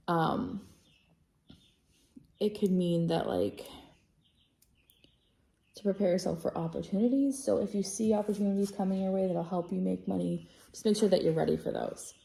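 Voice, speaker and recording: A woman with a low, gravelly voice gives a casual tarot reading to camera. Her tone is mellow and dark. She rambles, corrects herself and stops to apologize as she checks her notes. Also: roomy sound. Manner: chatty, rambling, self-correcting; reads from notes, apologizes often. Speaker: tarot reader.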